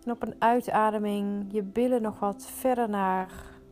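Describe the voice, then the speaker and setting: A woman leading a guided meditation, giving soothing, unhurried instructions with pauses. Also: mid-range voice, steady tone, darkish tone, soft background music.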